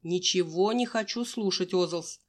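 A woman's voice: on the low side, a little slow. A woman voicing a stern male gym teacher who barks curt orders, in an audiobook.

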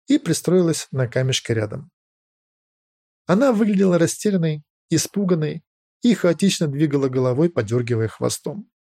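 A man reading fiction as an audiobook narrator, in a dramatic, expressive storytelling manner. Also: on the high side, no echo, studio quality.

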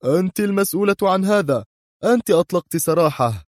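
A man's voice: sits high, normal speed, a little mellow, dry recording, clean studio sound, pitched above the performer's own voice. A man voicing a cold, hidden male mastermind who speaks harshly and sternly through an altered, mechanical-sounding voice.

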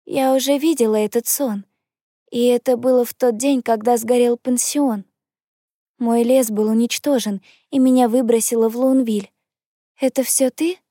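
A man's voice: very high-pitched, fairly even intonation, normal speed, dark tone, dry recording, clean studio sound, voice pushed up. A man voicing an enraged young woman in an audiobook, accusing and hissing at those who betrayed her.

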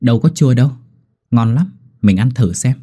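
A man's voice: medium pitch, lively intonation, normal speed, dark tone, slightly rough. A man voicing a timid young pregnant country wife, stammering and pleading. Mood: soft.

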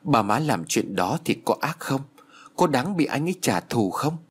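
A man's voice: mid-range voice, big pitch swings, moderate pace, husky, pitched above the performer's own voice. Man playing an earnest tearful young woman. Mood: pleading. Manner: earnest, pleading.

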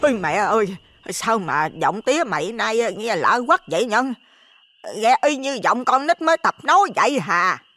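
A man doing a loud gossipy old village woman. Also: sits high, big pitch swings, moderate pace, no room sound, pitched above the performer's own voice, heavily acted. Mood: frightened. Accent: Southern Vietnamese. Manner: loud, chattering, superstitious.

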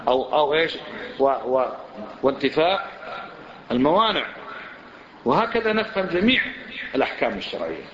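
A man teaching a religious lesson, quizzing his listeners with lively rhetorical questions. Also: on the high side. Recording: echoey room, dull lo-fi sound.

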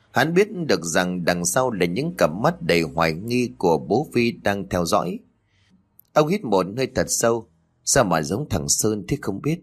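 A man narrating a dramatic audio story in an expressive, measured way. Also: sits low.

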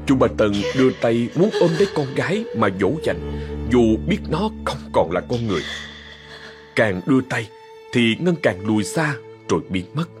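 A man narrating a ghost story in a measured, dramatic storytelling way. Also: medium pitch, big pitch swings, music in the background.

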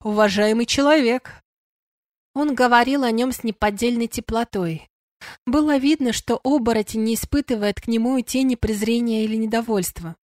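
Higher-voiced woman reading an audiobook. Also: a little fast, a little mellow, dry recording, clean studio sound. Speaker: audiobook narrator. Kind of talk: first-person audiobook narration.

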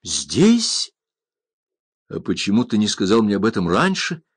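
A man's voice: on the low side, wildly swooping pitch, measured pace, husky, no room sound, clean studio sound, heavily acted. A man reading aloud and voicing a passionate, grieving male pirate chief in an impassioned, declamatory way. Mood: excited.

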